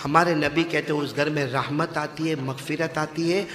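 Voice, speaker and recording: Man, sermon storytelling, hushed to shouted, chanted recitation, long hall reverb, audience behind. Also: on the high side, steady tone. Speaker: preacher. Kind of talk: Islamic story sermon to a live crowd. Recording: echoey hall with crowd.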